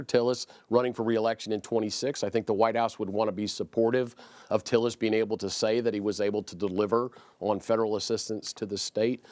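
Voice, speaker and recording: A man's voice: lowish voice, a little mellow, no room sound. A man speaking as a political analyst on a panel, confident and explanatory. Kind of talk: studio panel discussion.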